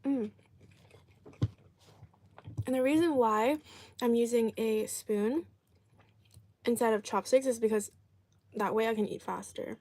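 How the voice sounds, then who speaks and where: A woman's voice: fairly high pitch, measured pace, pauses often, darkish tone. A woman live streaming an eating show, chatting casually and answering viewers while chewing and talking with food in her mouth.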